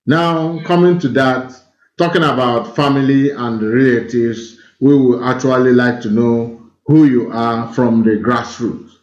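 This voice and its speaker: A man's voice: medium pitch, steady tone, a little mellow. Echoey lo-fi man hosting a stream. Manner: halting, with many "uh" fillers, addressing the audience formally. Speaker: host. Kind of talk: livestream show hosting.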